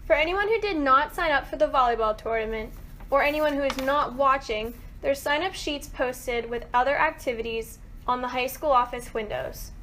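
High-pitched woman reading school intercom announcements. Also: moderate pace, a bit bright, a little hiss or hum. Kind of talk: scripted school morning announcements, read like over a school intercom.

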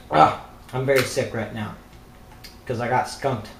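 Young man, joking game commentary, playful, lively pitch swings. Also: roomy sound, poor audio. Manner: goofy, playful, bursts of shouting. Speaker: gamer.

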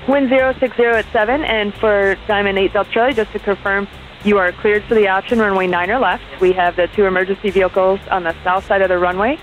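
A woman's voice: medium pitch, fairly even intonation, quick pace. A woman gives air traffic control instructions over a dull, lo-fi radio. Her phrasing is clipped and procedural, with faint music underneath. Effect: aviation radio.

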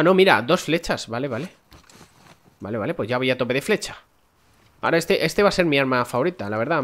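A man from with a stuffy, nasal voice from a cold, chatting casually to viewers as he plays a game, swearing often. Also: mid-range voice. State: congested, nasal voice. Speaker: gameplay streamer. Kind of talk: casual let's-play commentary.

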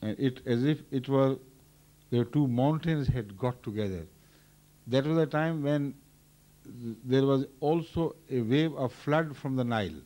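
An older man, a religious leader, giving a measured, thoughtful explanation at a microphone during a question session. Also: medium pitch, mellow. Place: large indoor hall. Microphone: standing microphone.

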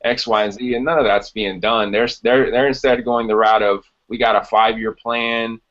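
Dull, lo-fi video call audio captures a man in his thirties co-hosting a laid-back podcast from a small room at home, explaining things casually through his computer. He speaks at a moderate pace in a steady tone, his lowish voice fairly bright.

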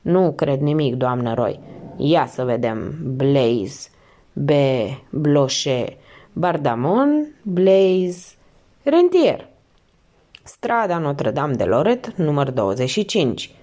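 A woman reading an audiobook voices a calm, terse middle-aged male police commissioner who asks dry, clipped questions. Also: sits low, pitched below the performer's own voice.

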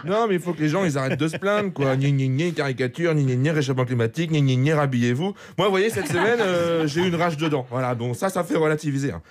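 A man's voice: fairly high pitch, fast, hardly any pauses. A man delivering a cheeky comic monologue as a radio columnist in a studio, chuckling at his own jokes. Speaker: comedy columnist.

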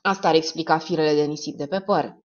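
A woman's voice: sits low, fairly even intonation, highs cut off, lightly acted. A woman reading the part of a skeptical male doctor in an audiobook, speaking dryly and with an air of superiority. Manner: dry, superior.

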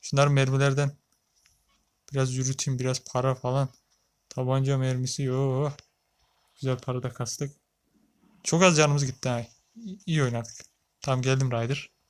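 A man's voice: medium pitch, steady tone, normal speed, long pauses. A man giving casual gameplay commentary as a let's play gamer, chatting with viewers and talking back at the characters on screen.

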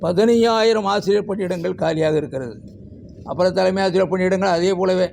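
A man's voice: sits high, a little fast, gravelly, darkish tone, a little hiss or hum. A man speaking as a teachers' union leader at a press conference, emphatic as he lists figures and demands.

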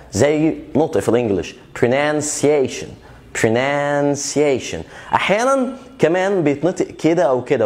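A man with an Egyptian Arabic accent teaching English pronunciation, explaining rules and then repeating example words slowly. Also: mid-range voice, darkish tone. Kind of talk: pronunciation lesson.

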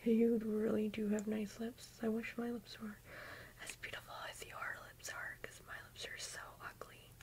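A woman's voice: a little high, completely flat delivery, moderate pace, a little mellow. A young woman whispering in an ASMR makeup roleplay, gushing compliments and rambling with "like" and "um". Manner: rambling with fillers like "like" and "um". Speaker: ASMR YouTuber.

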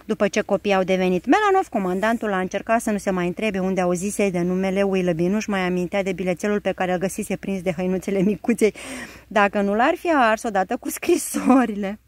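A woman narrating a children's book aloud in a lively, expressive storytelling manner. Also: medium pitch, no room sound.

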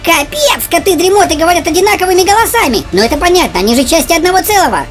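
Cartoon dog, womanlike high voice, performed: brash joker husky, rapid, very lively melody. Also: over music. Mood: excited. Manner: teasing, excitable.

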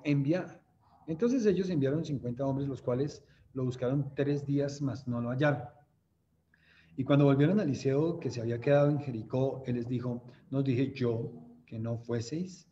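Here a Colombian-accented man with a warm, mid-range voice guides young people through a Bible study, reading passages aloud and explaining them conversationally with plenty of questions. He checks on his listeners and acts out laughter while telling stories. The audio sounds muffled, with slight background noise.

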